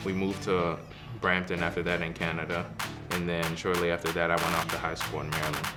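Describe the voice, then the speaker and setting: Deep-voiced young football player. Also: male voice, brisk, loud music behind the voice. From Ghana. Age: young adult. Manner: relaxed, frequent ums. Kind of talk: feature interview.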